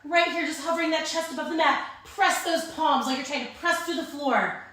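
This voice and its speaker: A woman's voice: high voice, a little fast, a bit bright. A woman fitness instructor leads a live Pilates class, cueing moves and counting in an informal, encouraging way. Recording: very echoey room, distant microphone.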